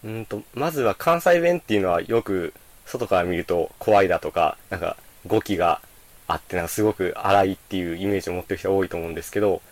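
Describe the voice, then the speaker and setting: A young man from Tottori answers interview questions casually, talking quickly and thoughtfully, with hesitant fillers. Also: sits low.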